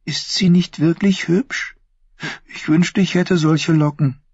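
A man's voice: a little high, fairly even intonation, takes it slowly, darkish tone, breathy edge, dry recording, voice pushed up, heavily acted. A man voicing a sly, sweet-voiced young woman with a lilting, scheming delivery in an audiobook. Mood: sweetly scheming. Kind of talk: audiobook character voice. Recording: dull lo-fi audio.

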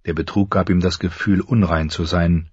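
Deep, husky male audiobook narrator. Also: steady tone, darkish tone, no echo, lo-fi sound. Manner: measured, dramatic reading. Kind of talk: scripted narration.

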